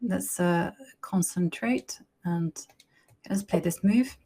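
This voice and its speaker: A woman's voice: lowish voice, slow pace, dark tone, husky. A woman streaming her chess games, chatting casually and thinking aloud as she plays. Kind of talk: casual live-stream commentary.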